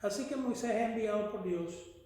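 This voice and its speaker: High-voiced pastor in echoey hall. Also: male voice, moderate pace, a little mellow. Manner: explanatory, often checks with "¿verdad?". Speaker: pastor and author being interviewed. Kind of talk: conversational Bible teaching. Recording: echoey, reverberant room.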